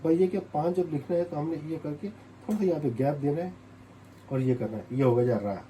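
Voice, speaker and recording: A man's voice: fairly high pitch, fairly quick, warm tone, slight background noise, poor audio. A man from Pakistan with a Pakistani Urdu accent, teaching a step-by-step writing lesson and patiently repeating each sound as he writes. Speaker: language teacher.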